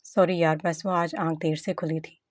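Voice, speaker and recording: A woman's voice: low voice, flat delivery, normal speed. A woman reading the lines of a caring young female student friend in an audiobook story. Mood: concerned. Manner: concerned, friendly.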